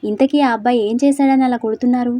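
A woman's voice: on the high side, steady tone, quick pace, dark tone, dry recording, lightly acted. A woman voicing a puzzled, newly arrived male lecturer in a storybook reading, asking shocked questions.

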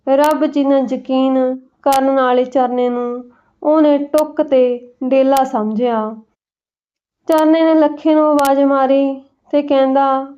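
A woman narrating an emotional village family story in a steady, feeling storybook reading. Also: high voice. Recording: dull lo-fi recording.

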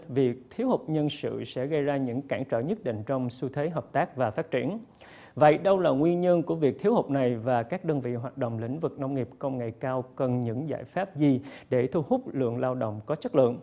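Formal male news anchor, mellow tone. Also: mid-range voice. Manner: formal, measured anchor delivery. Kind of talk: studio news presenting. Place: TV studio.

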